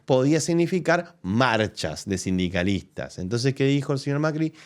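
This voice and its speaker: A political commentator hosting a live show reacts casually to a press conference, speaking Spanish with an Argentine accent in a mid-range voice at a moderate pace. He is animated and argumentative, thinking aloud and frequently restarting.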